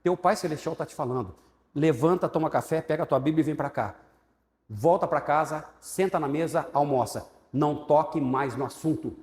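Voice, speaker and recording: A man acting out a burly, stern male pastor who speaks in slow, firm, low pronouncements. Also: darkish tone, lightly acted. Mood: commanding. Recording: roomy church hall reverb.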